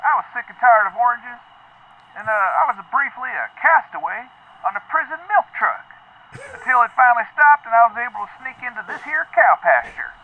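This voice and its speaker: A man's voice: extremely high pitch, very animated, brisk, exaggerated voice. A man voicing a goofy, cheerful male escaped convict, leaving a rambling, chuckling voicemail over a landline phone. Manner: rambling, laid-back and chuckling. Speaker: voicemail caller. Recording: tinny landline voicemail with faint hiss.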